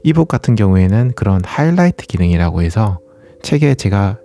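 Low, mellow man explaining casually. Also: very animated, fairly quick. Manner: explanatory, polite, with rhetorical questions to listeners. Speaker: running channel host. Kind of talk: casual explanatory solo talk, recommending to listeners.

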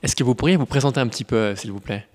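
Man hosting a podcast, clear announcing voice. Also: mid-range voice, very fast, soft background music. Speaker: podcast host, interviewer. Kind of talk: scripted podcast intro and interview.

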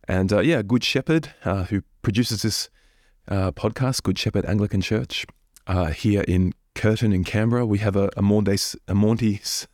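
A church minister with a head cold leads prayers and offers an earnest, unhurried reflection in a hoarse voice that sits low and is a little mellow. The recording is dry, with clean studio sound.

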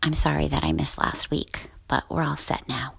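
A woman guiding a sleep meditation in a soft, slow, soothing whisper. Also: sits low, flat delivery, creaky, breathy edge. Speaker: guided relaxation host.

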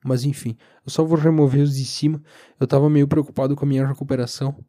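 A sleepy young man with a southern Brazilian accent talks casually by himself as a podcast host, in an informal, halting, meandering way. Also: mid-range voice, little pitch movement, mellow. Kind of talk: casual solo monologue, rambling. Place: recorded lying down, alone.

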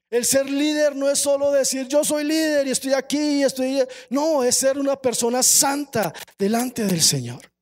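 A man preaching a sermon to a congregation, emphatic, slowing down for scripture and asking the listeners questions. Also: very high voice, a little mellow. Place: church service.

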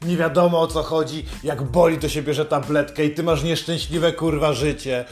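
A man's voice: a little high, fairly even intonation, moderate pace. A man delivering a sarcastic, mocking rant, swearing constantly and scolding the listener. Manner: mocking, heavily profane, scolding.

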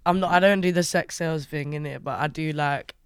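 Young female music artist, English urban street accent, slangy roadman delivery, smooth clear tone, dry sound, relaxed interview chat. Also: sits low, a little fast, no echo. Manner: slangy roadman-style speech.

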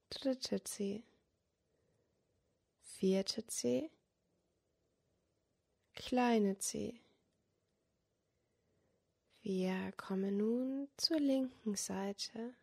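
Female meditation guide: soft, dreamy, extremely unhurried delivery, mellow tone with some vocal fry. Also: fairly high pitch. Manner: soft, soothing, dreamy, partly breathy and near-whispered. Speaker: yoga nidra meditation guide. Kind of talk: guided meditation body scan, slow spoken cues.

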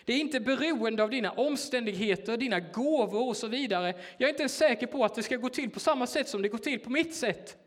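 A man's voice: very high voice, animated, hardly any pauses. A man preaching in a church, telling a personal story in a casual, hesitant way with many fillers. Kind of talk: sermon told as a personal story.

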